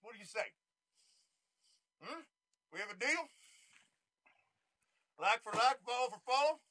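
Brief: high, bright, twangy old prospector, wheedling and greedy. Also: male voice, animated, unhurried, no room sound, heavily acted. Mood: scheming. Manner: wheedling, then indignant shouting. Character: scheming old male prospector craving online likes.

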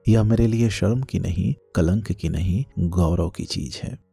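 A proud, heartbroken young woman speaking with quiet restraint, voiced by a male reader in a storybook. The voice stays deep and husky, with a gravelly edge. Faint music plays softly under a dry recording. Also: measured pace, heavily acted. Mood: tender.

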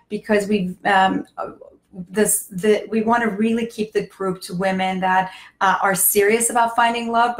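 This woman hosts a live dating-advice stream and works as a dating coach, though laryngitis has left her hoarse. She chats to viewers with lots of fillers and restarts in a medium-pitched voice, captured in a low-quality, echoey recording.

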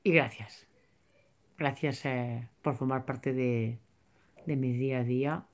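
A woman's voice: a bass voice, fairly even intonation, slow, a little mellow. A woman chatting emotionally on a livestream, theatrical and exaggerated, reading comments from viewers. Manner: theatrical, tearful, laughing and exaggerated. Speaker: vlogger reading live chat. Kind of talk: emotional casual livestream chat.

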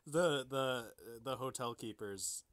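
A man with a medium-pitched, slightly bright voice speaks at a slow pace while co-hosting a podcast. His commentary is casual and comic, with crude, mock-dramatic joking.

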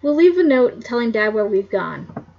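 A woman's voice: fairly high pitch, very animated, moderate pace, creaky, mellow, lo-fi sound, heavily acted. A woman voicing an eager, brave teenage girl detective in a read-aloud mystery novel. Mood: urgent.

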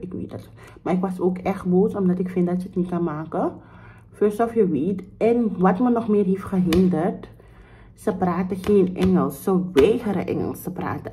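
Young woman vlogger, lowish dark voice, animated storytime delivery, code-switches into English. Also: low-quality recording. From Suriname. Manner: animated retelling, acts out both sides of the dialogue; mixes English phrases into Dutch. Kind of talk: casual storytime vlog.

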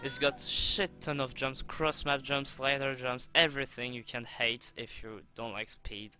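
A young man commenting on his own gameplay replay, excitable and swearing, with lots of stumbling restarts, on a home desk mic. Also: medium pitch, a little slow, faint music behind. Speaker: gaming channel host.

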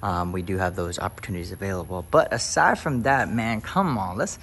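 Here a man with a low-pitched, slightly bright voice talks a little fast as he walks viewers through an empty new house. Out on the covered back patio, the casual tour becomes upbeat, hyped preaching, with slight background noise throughout.

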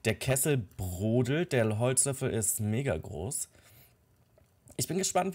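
A young man hosts a Let's Play, casually commenting on a life-simulation game in a lowish, slightly mellow voice. He voices the characters' quarrels and thoughts himself, using frequent fillers.

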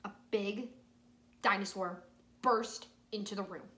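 A woman's voice: medium pitch, fairly even intonation, a little slow, fairly bright tone. A young woman with an encouraging, exaggerated kindergarten teacher voice, reading a story aloud to small children and coaching them along. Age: young adult. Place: small room at home.

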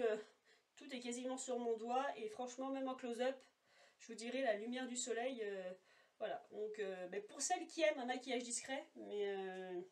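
Her pitch sits fairly high and her tone is darkish. This beauty vlogger is recording a relaxed makeup swatch video at home, rambling chattily with lots of filler words toward a camera set some distance off, with no monitor, which leaves her voice slightly far from the microphone.

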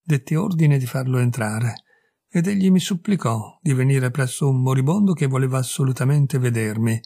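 A man reading a classic short story aloud as narrator, in a measured, steady storytelling manner. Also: medium pitch, creaky, breathy edge, no echo, studio quality.

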